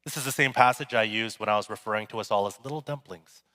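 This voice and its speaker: A man's voice: lowish voice, quick pace, pushed and bright. A male pastor giving a sermon in a casual, joking, conversational way. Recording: echoey hall.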